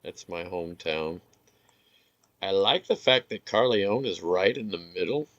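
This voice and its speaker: A man giving relaxed, rambling commentary over his gameplay, with filler words and some hiccups. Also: deep voice, measured pace, no room sound, dull audio. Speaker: gaming video creator.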